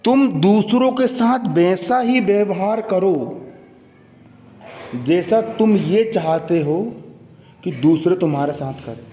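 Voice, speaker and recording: A man's voice: high-pitched, lively intonation, slow, warm tone. A young man teaching a coaching class, chatty and joking, often checking in with his students. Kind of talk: classroom lecture. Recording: echoey classroom with long reverb.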